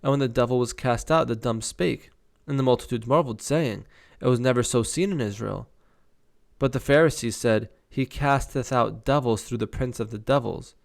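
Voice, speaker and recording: Gravelly young man reading scripture. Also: medium pitch, normal speed. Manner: reads scripture aloud, stops to comment casually. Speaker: Bible reader and commentator. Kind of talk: casual Bible reading with commentary.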